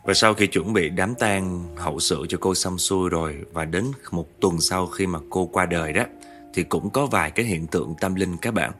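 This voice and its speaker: A man's voice: low voice, normal speed, fairly bright tone, faint music behind. A man narrating a ghost story in a chatty way, often turning to address his listeners directly.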